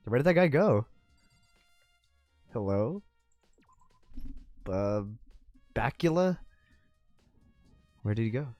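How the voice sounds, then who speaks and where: A man's voice: mid-range voice, expressive, slow, pauses often, a little mellow, no room sound. Man, casual let's-play banter, jokey, laughs a lot, rambling, faint background music. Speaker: co-host watching a game.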